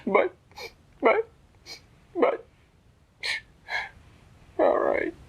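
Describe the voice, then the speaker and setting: A man's voice: drawn-out words, phone-quality sound. A man voicing a timid, anxious, childlike storybook bear who stammers and hesitates. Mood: scared, reluctant. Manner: stammering, high-voiced.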